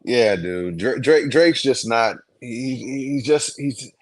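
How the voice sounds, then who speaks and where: A man's voice: mid-range voice, expressive, slow pace. A man co-hosting a casual podcast, rambling with many restarts and getting worked up as he goes. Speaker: podcast co-host. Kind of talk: casual sports podcast chat.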